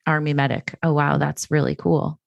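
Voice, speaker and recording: A woman hosting a podcast, asking questions and affirming her guest in a friendly way. Her voice is fairly low, and the recording is dry and close with no room sound. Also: level tone, normal speed, gravelly, no echo, lo-fi sound. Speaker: podcast host. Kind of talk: casual interview conversation.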